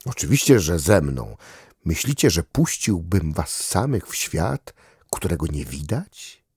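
Storybook gentleman: deep, calm, kindly, voiced by a man, dry booth sound. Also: measured pace, husky, no echo, full character voice. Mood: reassuring. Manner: soft, low and soothing. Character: kind grown-up man, calm and reassuring. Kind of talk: audiobook character voice.

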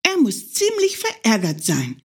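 Storybook hare voiced by a woman: little, tousled, curious, playful; high and bouncy with a breathy edge. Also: huge pitch swings, measured pace, exaggerated voice. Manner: high, wondering, bouncy childlike voice.

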